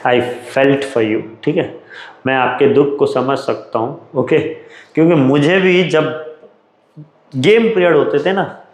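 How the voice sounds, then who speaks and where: A man's voice: on the high side, reverberant, rough recording. A man with an Indian English accent, teaching an exam revision lesson in a chatty, joking way.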